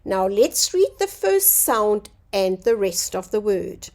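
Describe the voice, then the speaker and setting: A woman speaking as a phonics teacher to children, in the manner of a kids' show host, sounding out words with deliberate enunciation. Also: medium pitch, big pitch swings, a little mellow. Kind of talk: slow children's reading lesson, sounding out words.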